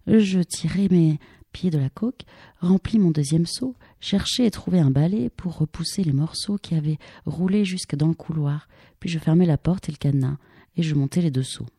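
A woman reading a novel aloud in calm, first-person scripted narration. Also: on the low side, breathy edge, no room sound, studio quality. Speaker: audiobook reader.

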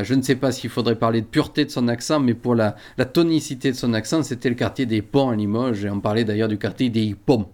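A man's voice: mid-range voice, clear, resonant tone. Chatty man giving a radio lesson. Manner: chatty and animated, with frequent fillers. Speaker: radio columnist. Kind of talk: explanatory radio chronicle.

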